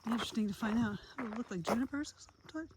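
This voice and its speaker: A retired woman in her sixties, a vlogger, chats casually and out of breath to her viewers as she walks a nature trail, giving relaxed commentary. Her fairly high voice races along. The outdoor phone audio picks up insect noise.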